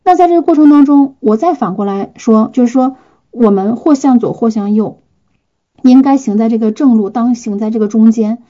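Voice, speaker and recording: A woman delivers a chatty sermon, lively and conversational, acting out prayers and little scenes as she goes. Her voice is very dark and mellow. The recording is dull and lo-fi. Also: on the high side, moderate pace. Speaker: preacher. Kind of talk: informal sermon.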